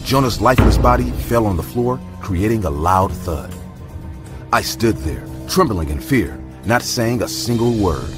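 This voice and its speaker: A man giving a measured, dramatic scripted narration of a horror story. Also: lowish voice, animated. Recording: narration over loud music.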